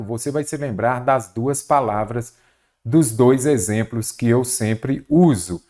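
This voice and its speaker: Animated teacher, lively pitch. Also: male voice. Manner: animated, addresses viewers directly, repeats "ok?" and "observe". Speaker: Portuguese teacher. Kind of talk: online exam-prep lesson.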